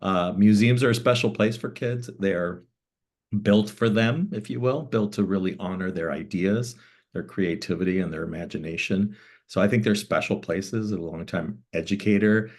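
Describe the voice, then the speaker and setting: Low-voiced middle-aged man explaining. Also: moderate pace, a little mellow. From Florida, born in Cuba. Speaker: interim museum director, guest. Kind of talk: community talk interview.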